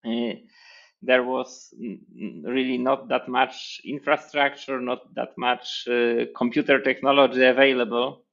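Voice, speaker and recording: A man in his forties from Poland with a Polish accent, speaking as an interview guest in a measured, hesitant way with many fillers. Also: medium pitch, gravelly, a bit bright, muffled recording. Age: 40s. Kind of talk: interview over video call. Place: room with hexagon panel wall. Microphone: headphones with mic on video call.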